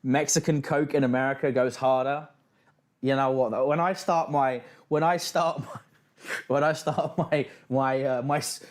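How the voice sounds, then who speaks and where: Male livestream host, middle register, blunt sardonic reaction commentary, casual and foul-mouthed. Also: medium pitch.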